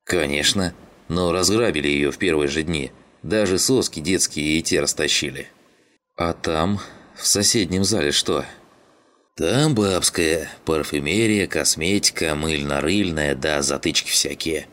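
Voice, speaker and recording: A man voicing a gruff, bossy male scavenger leader who swears and barks orders. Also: rumbling low, unhurried, a bit bright. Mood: commanding. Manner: rough, swearing, barking orders.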